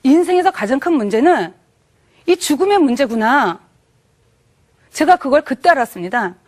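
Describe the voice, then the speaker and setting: A woman with a high-pitched voice gives a personal testimony of faith. She speaks earnestly and with emotion, and she pauses haltingly between phrases. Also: expressive, a little mellow.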